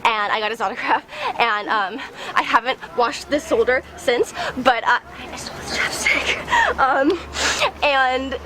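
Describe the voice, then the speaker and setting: High-voiced gushing young woman. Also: sing-song, a little slow, noisy background. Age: 20s. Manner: gushing, giggly, breathless superfan talk. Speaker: interviewee.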